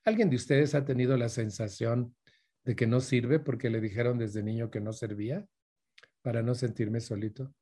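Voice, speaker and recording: A man with a Mexican Spanish accent lectures a live audience in a relaxed, conversational way, turning to them often as he tells his own stories. His voice is dark and mellow, with a husky, slightly breathy edge. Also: medium pitch, moderate pace. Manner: addresses listeners directly, mixes in personal stories. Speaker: speaker giving a talk on parenting.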